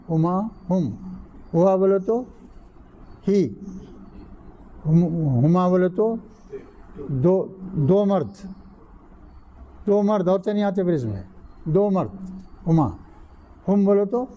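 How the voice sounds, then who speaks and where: A man's voice: high voice, warm tone. A man, teaching an Arabic grammar class and quizzing students with repeated questions, mixing in English terms. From India. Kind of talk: classroom lecture. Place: mosque classroom.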